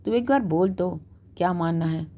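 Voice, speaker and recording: A woman's voice: fairly low pitch, moderate pace, mellow, natural voice. A woman voicing a grown son who coaxes his mother, in a storybook reading. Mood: coaxing. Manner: affectionate then curt. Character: young man, a doting son, moody.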